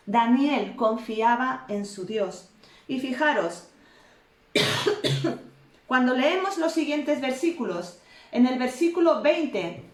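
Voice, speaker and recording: Woman preacher, unhurried emphatic delivery, somewhat high voice, echoey church room. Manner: slow, emphatic storytelling with repeated phrases. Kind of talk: sermon. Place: church hall.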